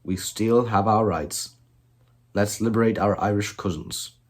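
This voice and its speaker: A man's voice: on the low side, a little slow. A man doing an earnest emperor's rallying call. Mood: rousing. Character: solemn male emperor rallying troops.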